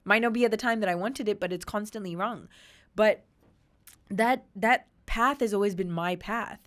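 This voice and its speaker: This podcast guest is an Australian woman in her thirties with a mid-range voice and a normal speaking speed. She candidly walks through her personal story, bringing emphatic energy to her retellings.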